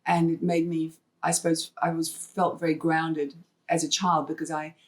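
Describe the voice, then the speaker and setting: Her voice is low and level, her pace ordinary. She's a Hong Kong artist and wildlife fundraiser on a podcast, trading anecdotes in a relaxed interview and voicing lines of dialogue from memory.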